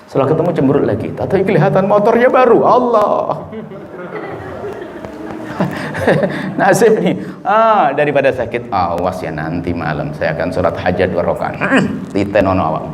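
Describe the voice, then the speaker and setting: A man from Indonesia preaching a lively sermon, acting out the people he quotes and swinging between low murmurs and high exclamations. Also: fast, background noise. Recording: roomy hall echo, faint ambience.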